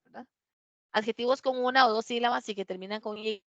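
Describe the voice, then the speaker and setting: A woman's voice: a little high, fairly even intonation, fairly quick, a bit bright, dry recording. Patient woman teaching a grammar class. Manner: patient, repeats key points, checks understanding with "¿verdad?". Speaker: English teacher. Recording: dull lo-fi classroom recording.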